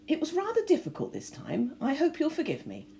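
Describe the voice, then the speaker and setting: A pompous, plump aristocrat who stammers and keeps clearing his throat, put on by a woman reading a storybook aloud. His lines leap up and down in pitch in a warm, mellow tone. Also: huge pitch swings, fairly quick, slight background noise, heavily acted. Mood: sheepish. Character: flustered plump aristocratic older father.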